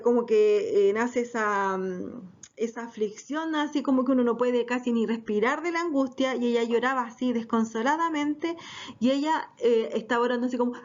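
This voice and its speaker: Woman Bible-class teacher, fairly high voice, hesitant with fillers, dull lo-fi sound. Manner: hesitant, many fillers, asks "right?". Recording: dull lo-fi recording.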